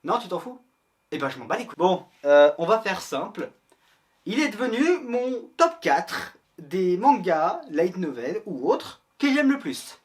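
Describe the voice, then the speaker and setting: A man's voice: high voice, big pitch swings, unhurried. A man hosting a casual, comedic anime and manga review, jokey and crude with self-mocking banter.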